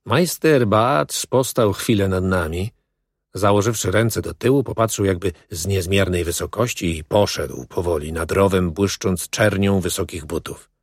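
Low-voiced man reading a story. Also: no room sound, clean studio sound. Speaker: audiobook reader. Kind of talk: scripted literary narration.

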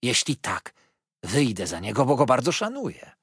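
Quiet shaky young wife, a man reading her, husky voice. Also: mid-range voice, huge pitch swings, moderate pace, no room sound, clean studio sound, exaggerated voice. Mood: timid. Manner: quiet, trembling. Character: shy trembling young wife.

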